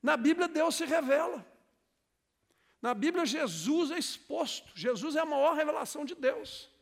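High, gravelly Brazilian pastor preaching. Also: male voice, lively intonation, normal speed. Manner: emphatic, calls out to the congregation. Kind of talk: sermon with storytelling. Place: church hall.

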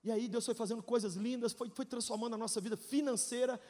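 Brazilian pastor in his 40s, really high voice, emotional testimony, yells then goes quiet. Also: steady tone, quick pace, long reverb tail. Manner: emotional storytelling, swings from shouting to hushed, joking. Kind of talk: testimony sermon.

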